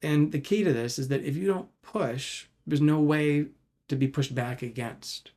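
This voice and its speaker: A man's voice: fairly high pitch, measured pace, warm tone. A man, a psychologist presenting a parenting webinar in a conversational way, acting out quoted examples. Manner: conversational, uses many fillers and quoted examples.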